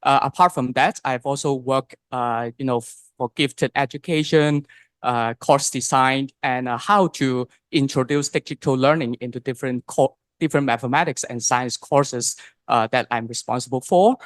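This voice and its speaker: A man's voice: mid-range voice, normal speed, no room sound, clean studio sound. A man who lectures in mathematics, introducing himself on a panel, earnest and full of fillers.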